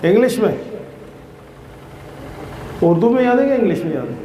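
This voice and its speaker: Speaking with a high, sing-song voice at a normal pace, this man encourages schoolchildren gathered outdoors, calling them "beta" like a father would and firing questions at the crowd. The recording echoes, lacks high frequencies, and carries a faint hiss or hum.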